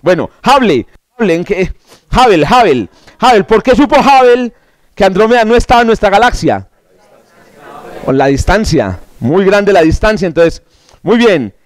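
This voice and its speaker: Running quiz questions for his astronomy class, a high-pitched man speaks at a moderate pace with lively intonation, cracking jokes, digressing and stammering as he restarts sentences. There is no room sound in the recording.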